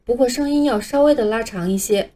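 A woman teaching English letters, speaking patiently and clearly in a scripted lesson, with Chinese as her first language. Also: a little high, brisk, dark tone. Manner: patient, clear, modeling pronunciation for learners to repeat.

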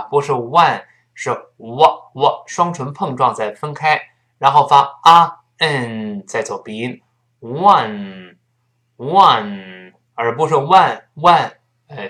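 A man teaching a spoken English lesson in Mandarin Chinese, spelling words letter by letter and drilling phrases slowly. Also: medium pitch, fairly bright tone.

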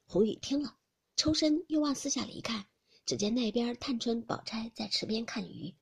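气声很重的女声说书人. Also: female voice, a little high, animated, moderate pace. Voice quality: breathy, half-whispered narration. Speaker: audiobook narrator. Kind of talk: classic novel storytelling reading.

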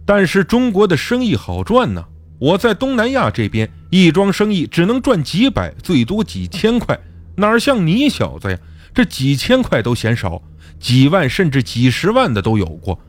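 A man's voice: medium pitch, very animated, moderate pace, a little mellow. A man voicing a sly sarcastic amulet dealer. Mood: needling. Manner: needling, jealous teasing.

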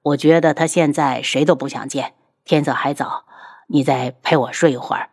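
Female narrator doing a deep-set, steady young prince, gentle and reassuring, audiobook role. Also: breathy edge. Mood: soothing. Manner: low, soothing, measured. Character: calm protective young husband, a prince.

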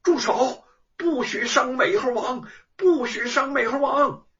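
A male storyteller voicing a proud scholar who pleads and shouts in defense of his monkey. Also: fairly high pitch, very animated, takes it slowly, lo-fi sound, exaggerated voice. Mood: defiant. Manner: loud, pleading then defiant.

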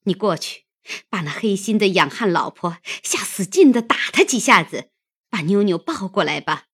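Female reader plays a proud, bitter young noblewoman; husky, slow, lively in pitch, sharp-tongued and mocking. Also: dry recording, clean studio sound, full character voice. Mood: scolding. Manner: scolding, then wearily mocking. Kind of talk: audiobook character reading.

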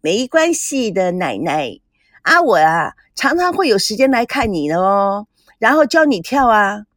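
A woman voicing a lively, eager young woman who talks in a chirpy, emphatic way. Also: medium pitch, measured pace, no room sound, clean studio sound. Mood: reassuring.

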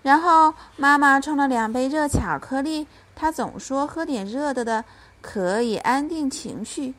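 A woman reads a bedtime story to her child in a gentle, soft-spoken way. Her voice sits a bit high. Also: unhurried. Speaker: mother telling a bedtime story.

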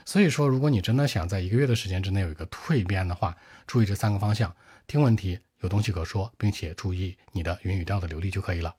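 A man with a husky, fairly low voice gives an exam-prep lesson. He talks quickly and briskly and turns often to address his viewers directly. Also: a little mellow. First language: Mandarin Chinese. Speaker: IELTS speaking teacher.

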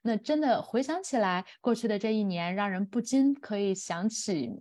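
Thoughtful woman podcast host, measured and reflective. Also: mid-range voice, lively intonation, mellow. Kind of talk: reflective personal talk in a podcast.

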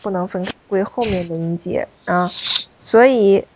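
A woman's voice: medium pitch, unhurried, highs cut off, noisy background. A woman teaching a French pronunciation class, explaining rules step by step and calling on students. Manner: explanatory, repeats key points, calls on students.

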